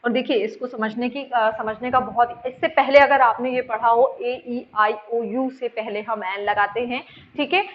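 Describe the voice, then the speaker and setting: A woman's voice: a little high, fairly even intonation, unhurried, slight background noise. A woman teacher explaining grammar in a lesson, repeating points and quizzing her students with questions. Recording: dull lo-fi sound.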